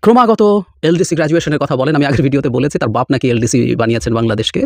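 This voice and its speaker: A man's voice: mid-range voice, rapid-fire, darkish tone. A man giving scornful, emphatic political commentary in a solo video, with English phrases mixed in.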